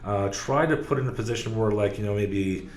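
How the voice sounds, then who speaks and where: In an echoey room with a little background noise, a man who sells cars talks casually as a podcast guest. His fairly low voice moves at a brisk clip, and he rambles, restarting sentences and leaning on fillers.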